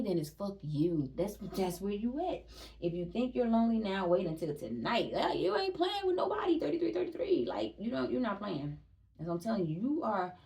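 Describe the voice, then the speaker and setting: A young woman gives a casual tarot-style spiritual energy reading, chatty and emphatic, repeating herself for stress and swearing freely. Her slightly low voice has a mellow, dark tone, and she is recorded from a distance, a little away from the microphone.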